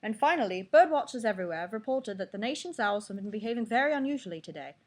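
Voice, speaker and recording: A woman's voice: mid-range voice, animated, quick pace, voice pushed up, close to an everyday voice. A woman voicing a formal, mildly amused male TV newscaster with an attempted British accent, reading a storybook bulletin. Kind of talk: mock news bulletin.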